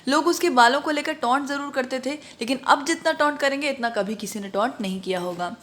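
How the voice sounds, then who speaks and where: A woman teacher who reads a story's English passages slowly and then explains them line by line in a conversational tone. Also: high-pitched, fairly bright tone.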